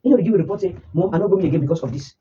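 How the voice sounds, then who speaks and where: A woman's voice: lowish voice, lively intonation, slightly rough, distant mic, dull audio. A woman with a Nigerian Pidgin accent, a mother scolding her child in a heated family argument. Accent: Nigerian Pidgin English. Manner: scolding, rapid and insistent.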